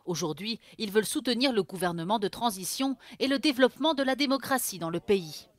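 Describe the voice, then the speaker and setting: A woman presenting news headlines in a clear, steady, scripted delivery. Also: on the high side, brisk.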